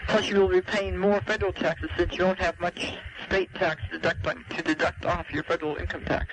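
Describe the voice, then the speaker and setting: A man's voice: high-pitched, level tone, a little fast. A man leaving an earnest, emphatic political message as a caller to a comment line, with a reproving manner. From lives in California. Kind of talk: earnest political argument, partly prepared. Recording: noisy recorded phone message. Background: clear background noise.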